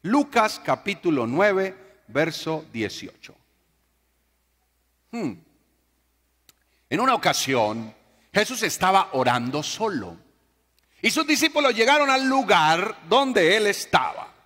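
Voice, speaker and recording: A man's voice: high voice, big pitch swings, slow pace, pauses often, pushed and bright, big-room sound. A man preaching a sermon, telling stories and joking with the congregation. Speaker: pastor.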